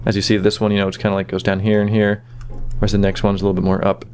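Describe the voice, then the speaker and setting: A man giving casual behind-the-scenes commentary on his own animation, relaxed and full of fillers like "you know" and "kinda". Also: on the low side, racing, faint music behind.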